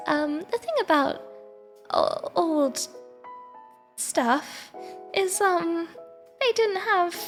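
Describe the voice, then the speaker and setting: A sleepy woman rambles softly and casually to her livestream. Her voice is fairly high, with a lot of creak in it. Gentle music plays behind her. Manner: sleepy, soft and meandering. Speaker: live streamer. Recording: soft background music. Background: quiet background music.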